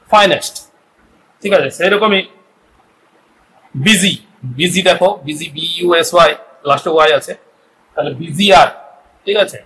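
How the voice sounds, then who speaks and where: Man, grammar teacher, Bengali accent, bright forceful voice, slightly high, step-by-step explaining, faint background noise. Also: rough recording. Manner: explains step by step, often asks "ঠিক আছে?". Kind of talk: video grammar lesson.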